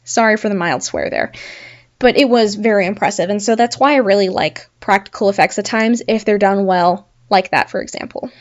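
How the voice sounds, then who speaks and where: A woman's voice: mid-range voice, a little fast, lo-fi sound. A young woman hosting a casual solo talk show, chatting and laughing at her own examples. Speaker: podcast host.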